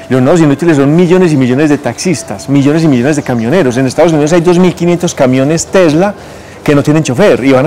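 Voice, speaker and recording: A man in his forties talks in a fairly high voice, lecturing with emphasis and gesturing as he goes. He is a guest recorded on a lapel mic on an outdoor garden set, with faint music underneath. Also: warm tone. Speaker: guest entrepreneur speaker. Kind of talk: motivational interview talk.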